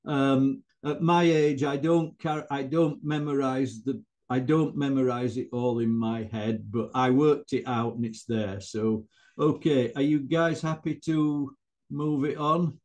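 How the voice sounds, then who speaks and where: An older man with an elderly voice gives an informal scientific presentation, halting and conversational, with asides to his listeners. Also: medium pitch, fairly even intonation, a little mellow. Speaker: presenting researcher.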